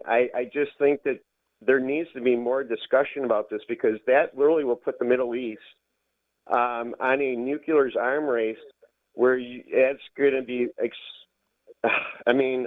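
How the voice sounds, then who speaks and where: Male caller heard over the phone, thin line, mid pitch, halting delivery full of restarts. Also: dry recording. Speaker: radio call-in listener. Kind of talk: call-in talk radio. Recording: tinny phone line, dry.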